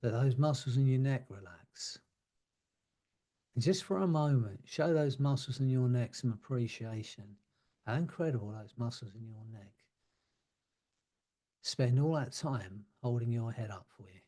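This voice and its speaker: A man leading a guided hypnosis relaxation, speaking slowly and soothingly and letting his words trail off softly. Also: mid-range voice, expressive. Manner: slow, soothing, drawn-out phrasing with soft trailing words.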